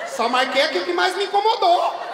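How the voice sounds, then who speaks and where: A male comedian voicing a brash, indignant woman who is caring for her father in hospital. She talks in a loud, gossipy, dramatic way with shouting bursts in a stand-up monologue. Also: extremely high pitch, expressive, fairly quick, heavy background noise. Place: theater stage at a live show. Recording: echoey hall, from far off.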